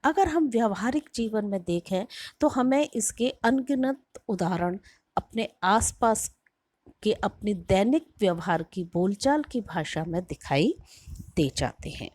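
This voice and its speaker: A woman giving a university lecture in a slow, measured, explanatory way, drawing out her example words. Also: medium pitch, animated, darkish tone, no echo. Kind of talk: recorded lecture.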